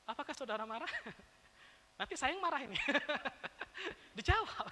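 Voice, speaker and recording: A woman preacher delivering a sermon with emphatic rhetorical questions and playful asides to the congregation. Her voice is high and bright. It carries the long reverb of a church sanctuary. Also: big pitch swings, takes it slowly.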